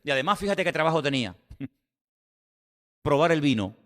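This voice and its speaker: A male pastor gives a sermon, telling the story in a lively way and speaking straight to his listeners. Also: fairly high pitch, moderate pace, big-room sound. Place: church.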